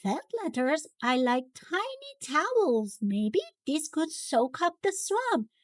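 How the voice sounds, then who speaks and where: A woman voicing excitable schoolchildren in a storybook, with exaggerated cartoon intonation. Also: high-pitched, takes it slowly, no room sound, clean studio sound, full character voice. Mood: excited.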